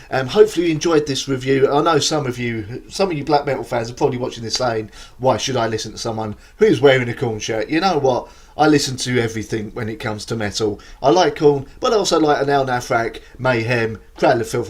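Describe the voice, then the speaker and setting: A man's voice: mid-range voice, slightly rough. A man with an Essex accent giving a casual, rambling, self-deprecating album review straight to camera. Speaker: music reviewer.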